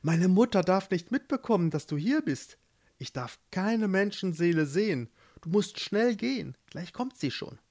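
A storyteller voicing a timid young maiden in a tower, soft and a little anxious, in a read-aloud fairy tale. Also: medium pitch, very animated, unhurried. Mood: flustered.

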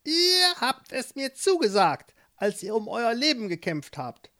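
Smug old witch, high and sweetly sly; a woman puts her on. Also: very animated, measured pace, fairly bright tone.

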